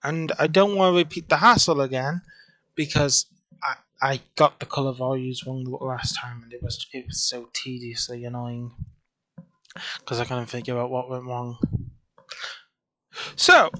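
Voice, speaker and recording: A software tutorial maker, his voice just returned after he lost it, casually demonstrates a program in a screen-recorded walkthrough. He speaks at medium pitch, pushed and bright, chatting and rambling with frequent self-corrections.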